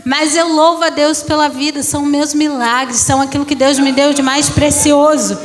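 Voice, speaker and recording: High-voiced woman preacher in church. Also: fairly even intonation, moderate pace. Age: 30s. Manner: emotional storytelling, addresses congregation. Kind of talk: testimony sermon. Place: church hall. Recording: long church reverb.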